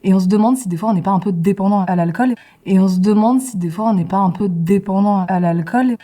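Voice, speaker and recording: Woman, 30s, caller, casual with small hesitations, quick pace, warm tone. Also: medium pitch. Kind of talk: casual testimony.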